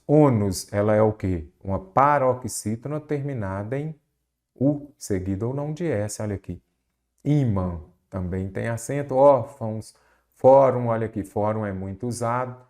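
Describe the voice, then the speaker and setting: A man's voice: fairly low pitch, darkish tone. A man with a Brazilian Portuguese accent teaching an exam-prep grammar lesson, quizzing the listener with rhetorical questions.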